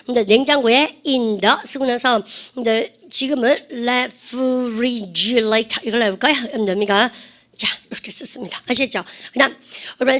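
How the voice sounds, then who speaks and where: A woman's voice: a little high, a bit bright. Woman teacher coaxing her class through English. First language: Korean. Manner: coaxing, asks many questions and cues the class to repeat.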